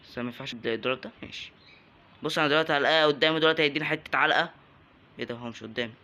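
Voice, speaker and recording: Here a gaming YouTuber, a young man with an Egyptian Arabic accent, rattles off rapid-fire let's-play commentary in a fairly high voice. He keeps it light and jokey, bursting into excited yelps whenever enemies show up.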